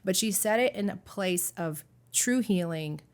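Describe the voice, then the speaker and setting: A woman sharing her personal faith testimony as a guest, talking earnestly and haltingly, with many restarts and fillers. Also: medium pitch, a little mellow. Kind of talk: candid faith interview.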